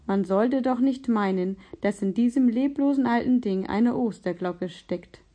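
A woman reading the lines of a thoughtful young boy who speaks gently and earnestly. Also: a little high, muffled recording. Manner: gentle, earnest, halting in prayer.

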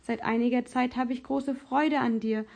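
A woman voicing a kind, patient aunt in a storybook reading, speaking gently and reassuringly. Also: a little high, steady tone, moderate pace, gravelly.

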